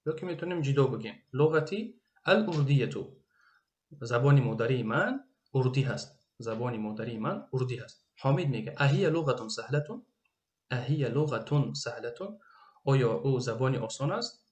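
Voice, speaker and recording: A man with a Tajik accent teaching an Arabic grammar lesson. He repeats each Arabic phrase slowly and then translates it. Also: medium pitch, lively intonation, a little mellow.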